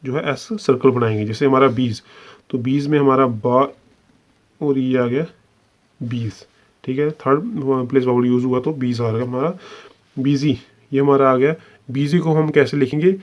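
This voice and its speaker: A man's voice: mid-range voice, dull audio. Man patiently explaining a lesson. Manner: explains step by step, repeats "ठीक है" often; Hindi mixed with English terms. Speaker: shorthand teacher. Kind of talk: online lesson.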